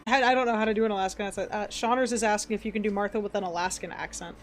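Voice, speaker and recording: A woman's voice: medium pitch, fairly even intonation, racing, faint music behind. A woman playing a tabletop role-playing game, chatting and narrating her character's actions. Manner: chatty, descriptive.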